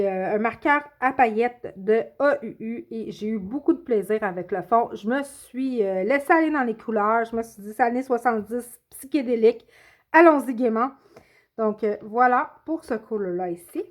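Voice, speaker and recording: A woman's voice: a little high, moderate pace. A woman casually showing her finished coloring pages, hesitating often and correcting herself. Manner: hesitant, many filler sounds and self-corrections. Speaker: coloring channel host.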